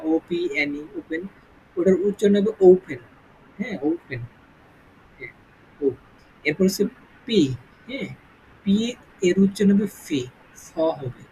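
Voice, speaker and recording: A man teaching English pronunciation in an informal spoken lesson, explaining slowly and often checking in with the student. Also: high-pitched, a little hiss or hum, rough recording.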